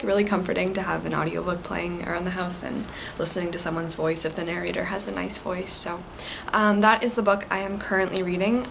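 A woman's voice: mid-range voice, vocal fry, fairly bright tone, slight background noise. A young woman vlogging casually from home, chatty and gushing. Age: young adult. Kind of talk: casual reading vlog chat.

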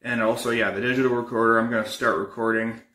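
Young male actor as an uneasy amateur ghost hunter for found footage horror: hesitant, unscripted delivery, sharp bright tone, echoey room. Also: medium pitch, flat delivery, natural voice. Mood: uneasy, matter-of-fact. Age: young adult. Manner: halting, hesitant, casual. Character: uneasy young man investigating paranormal disturbances. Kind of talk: improvised found footage monologue. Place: indoors, bedroom and kitchen.

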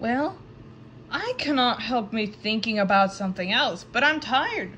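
A woman voicing a small, gentle young cartoon character who talks in a soothing, tender bedtime manner. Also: a little high, lively intonation, measured pace, lo-fi sound, slight background noise. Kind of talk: animated children's show voice acting.

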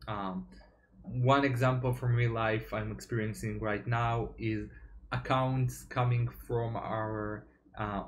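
A young man, a software developer, giving a tech talk over slides, explaining step by step with frequent fillers. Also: medium pitch.

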